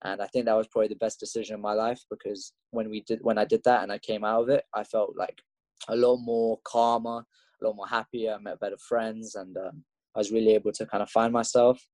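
As a guest in a casual interview, a young Russian MMA fighter with an English accent shares his story in a fairly low, level, slightly mellow voice at a brisk pace. He rambles in a laid-back way with many fillers and restarts, and there's no room sound.

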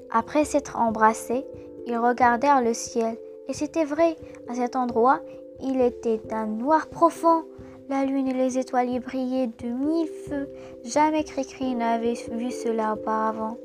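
A storyteller gently reading a children's story aloud, over background music. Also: high voice, unhurried. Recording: music bed behind voice.

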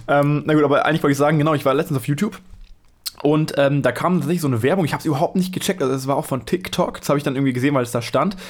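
A man's voice: a little high, steady tone, racing. A young man, chatting casually as a podcast co-host and rambling with many restarts.

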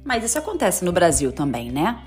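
A woman hosts a casual podcast lesson, chatting along and tossing in tag questions and English examples. Her voice sits somewhat low for a woman. Faint music plays behind her. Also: sing-song, fairly quick. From Brazil. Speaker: podcast host teaching English slang. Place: lives in the United States.

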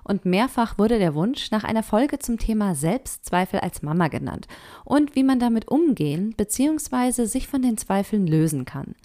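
A woman's voice: mid-range voice, very animated, moderate pace, dark tone. A woman in her thirties hosting a solo podcast. She talks straight to the listener in a chatty way and often checks in with "ja?". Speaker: podcast host.

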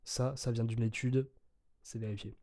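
Mellow young man chatting casually. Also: mid-range voice, fairly even intonation, moderate pace, no room sound. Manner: informal, self-correcting explainer. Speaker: podcast co-host. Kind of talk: casual chat.

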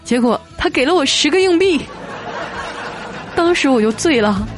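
A woman hosting a show reads listener jokes aloud in a playful, chatty way, laughing at the punchlines. Her voice sits high and sounds animated at a normal speed, with a crowd in the background and music playing faintly beneath her.

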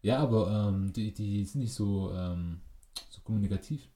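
A man's voice: fairly low pitch, normal speed, warm tone, roomy sound. A man chatting casually, tossing in dry jokes. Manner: dry, joking quips. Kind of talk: casual chat.

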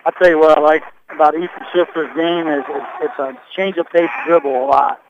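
Coach doing color on local radio, quick folksy talk, slightly raised voice, muffled lo-fi sound. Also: male voice, on the high side, steady tone, creaky, a little hiss or hum. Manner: chatty, folksy, analytical. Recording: dull lo-fi radio broadcast.

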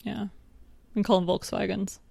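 A woman's voice: medium pitch, flat delivery, a little slow, gravelly, darkish tone, dry recording. A woman co-hosting a podcast, rambling and playful in casual chat. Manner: rambling, playful, laughs easily. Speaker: podcast co-host.

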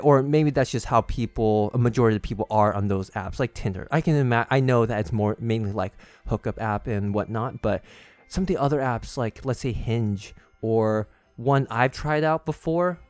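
A man with a mid-range voice hosts his own casual podcast series solo, sharing personal stories in a chatty, confiding style. He starts out calm and unhurried, then grows more animated. The recording is dry.

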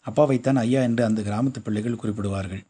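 A man narrating a short story in a steady storytelling manner. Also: fairly low pitch, quick pace, slightly rough.

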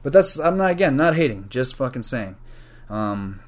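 A man's voice: medium pitch, very animated, normal speed. Man, college student, casual storytelling, rambling, profane, self-correcting, lots of fillers. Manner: frequent fillers like "like" and "you know".

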